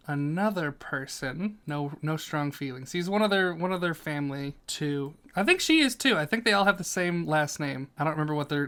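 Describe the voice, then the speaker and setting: A YouTuber giving casual tier-list commentary, chatty and jokey, muttering to themselves and swearing now and then. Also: medium pitch. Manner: swings between loud outbursts and quiet asides. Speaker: YouTuber ranking characters.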